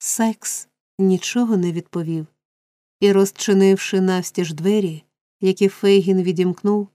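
A woman narrating a classic novel as an audiobook, in a measured, expressive storytelling manner. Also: medium pitch, no room sound. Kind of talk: scripted narration.

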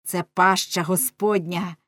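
A woman playing a grieving storybook mother gone wild with vengeance, shouting loud and hard. The voice is dry and close to the mic. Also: lowish voice, steady tone, a little slow, no echo. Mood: vengeful.

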